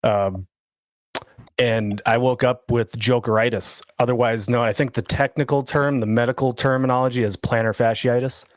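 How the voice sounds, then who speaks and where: A man's voice: mid-range voice, fairly even intonation, moderate pace, no room sound, clean studio sound. Rambling self-mocking man in his forties. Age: 40s. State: sore foot. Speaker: podcast co-host. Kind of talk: casual chat.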